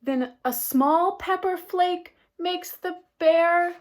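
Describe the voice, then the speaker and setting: A woman reading a picture book aloud to children, expressive, with gasps and chatty asides. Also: extremely high pitch, slow pace. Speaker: storybook reader.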